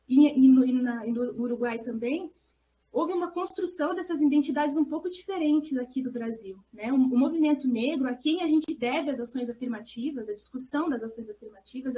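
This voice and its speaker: In a low-quality recording with slight background noise, a Brazilian researcher speaks in an academic discussion with a Brazilian Portuguese accent. Her voice is high, mellow and gentle, and her explanations run earnest and discursive, peppered with little check-in tags.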